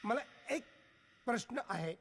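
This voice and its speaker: A man's voice: very high voice, lively intonation, a little slow, vocal fry, a little hiss or hum, heavily acted. An actor playing a fussy, suspicious older uncle who keeps repeating his questions, from a film with music behind. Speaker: elderly uncle of the house.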